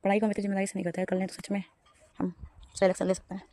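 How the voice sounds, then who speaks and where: A woman's voice: mid-range voice, level tone, racing, dark tone. A young woman talking casually to her vlog audience while doing chores at home, narrating each step and laughing at herself. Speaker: vlogger. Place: home rooftop and garden area.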